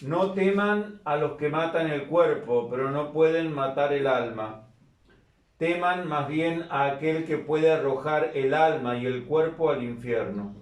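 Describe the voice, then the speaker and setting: A man serving as priest, reading scripture and preaching in a careful, explanatory way, his voice carried by a cathedral echo. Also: a little high. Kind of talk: liturgical reading and homily. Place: large church. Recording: echoey church from a distance.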